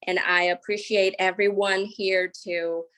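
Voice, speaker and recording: A woman's voice: medium pitch, flat delivery, measured pace, fairly bright tone. Woman, hesitant panelist. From China. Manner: hesitant, many fillers. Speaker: immigration attorney, panelist. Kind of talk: personal introduction on a panel.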